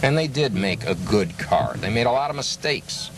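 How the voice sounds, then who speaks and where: An older man who owns and restores classic cars tells stories as a guest in a conversational interview. His medium-pitched voice has lively intonation and a normal speed, and he's earnest and emphatic, repeating phrases to hammer his points home. It's a noisy location recording with vehicle sounds in the background.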